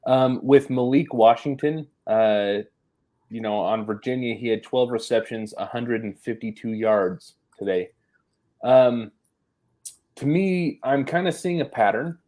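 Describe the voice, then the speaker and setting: A man's voice: mid-range voice, a little slow, warm tone. A man co-hosting a casual postgame football podcast, talking it over in a thoughtful, hedging way with plenty of fillers. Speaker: sports podcast co-host.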